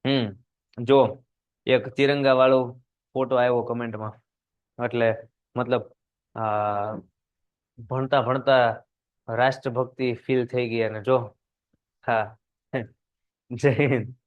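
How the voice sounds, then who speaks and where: A young man, teaching a poem in a live online class. He switches between loud emphasis and low asides and talks to viewers in the chat. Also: flat delivery, slow, long pauses, narrow, tinny audio. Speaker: English teacher.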